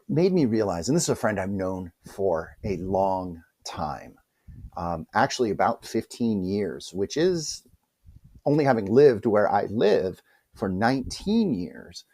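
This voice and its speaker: A man hosting a spiritual reflection vlog, talking in a chatty, animated way with asides. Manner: animated, chatty, with wide pitch swings and asides. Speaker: host of a spiritual reflection channel.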